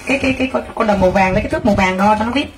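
A woman's voice: medium pitch, racing, far from the mic, rough recording. A woman running a live clothing sale, gushing with exclamations and talking straight to her viewers. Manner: excitable, gushing exclamations, addresses viewers directly. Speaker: livestream clothing seller. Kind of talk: live selling pitch. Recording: voice from away from the mic, faint background noise.

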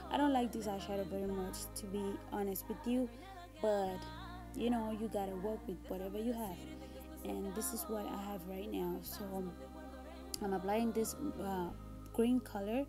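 A young woman chatting casually as a beauty vlogger giving a makeup tutorial, recorded on a phone in a room at home. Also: medium pitch. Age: young adult. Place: small room at home, indoors. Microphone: smartphone at about arm's length. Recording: music playing behind the voice. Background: background music.

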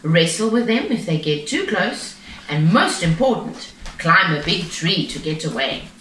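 Mother panda for a storybook: woman reading as a gentle, caring parent, calm advice, lively lilt, echoey room. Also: on the low side, a little slow, far from the mic, slight background noise. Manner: calm, advising.

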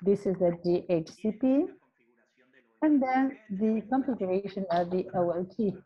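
A woman's voice: medium pitch, a little slow, breathy edge. Woman explaining tech step by step, muffled. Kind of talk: technical presentation. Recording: dull lo-fi webinar audio.

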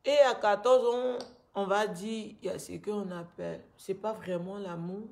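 A woman in her thirties speaks French with an Ivorian accent, in a medium-pitched voice. She is distressed and grieving, giving personal testimony in a halting way, often in short listed phrases. She talks into a phone held at arm's length in a room at home. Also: fairly even intonation, a little mellow. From Ivory Coast. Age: 30s. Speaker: vlogger making a personal appeal. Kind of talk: emotional personal testimony to camera. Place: small indoor room at home.

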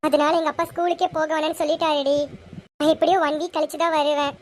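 A woman's voice: high voice, flat delivery, fast, a little hiss or hum, lightly acted. A woman voicing a guilt-ridden teenage schoolgirl who blames herself anxiously during a phone call. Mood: distressed.

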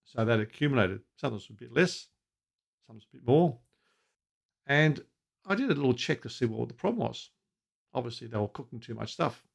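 A man's voice: medium pitch, lively intonation, a little fast, vocal fry, long pauses. Older man giving practical restaurant advice. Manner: practical, anecdotal, asks viewers questions. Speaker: restaurant consultant. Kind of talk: advice video to camera. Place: home office with bookshelves, indoors. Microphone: webcam at desk.

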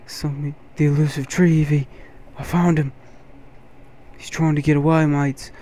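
A man putting on the voice of a male wildlife documentary presenter, narrating in a hushed, dramatic way and calling his listeners mates. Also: on the high side, level tone, normal speed, close to an everyday voice.

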